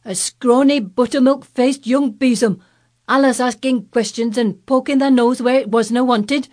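A woman voicing an angry old gardener who shouts at a girl in broad dialect. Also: fairly high pitch, steady tone, moderate pace, pitched above the performer's own voice, close to an everyday voice. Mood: outraged. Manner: shouting, dialect-heavy scolding.

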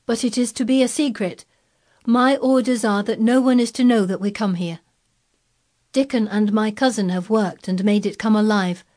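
A woman's voice: medium pitch, steady tone, normal speed, a little mellow, voice pushed up, lightly acted. A woman voicing an imperious, eager young boy who speaks with lordly decision, as in a storybook reading. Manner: commanding, lordly, emphatic.

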